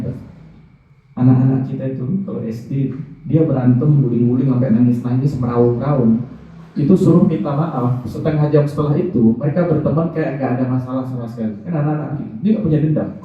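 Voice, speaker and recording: Middle-aged male preacher, anecdotal and direct; tinny, narrow-band sound. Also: medium pitch. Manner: conversational, anecdotal, addresses audience directly. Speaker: Islamic preacher. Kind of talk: religious study talk. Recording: distant, echoey, phone-like.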